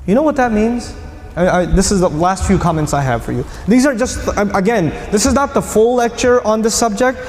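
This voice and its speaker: A man giving an emphatic, animated Qur'an lecture with storytelling, in a mosque or lecture hall. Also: high voice, fairly quick. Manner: animated, emphatic, acting out quotes. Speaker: Islamic lecturer. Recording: echoey hall, faint noise.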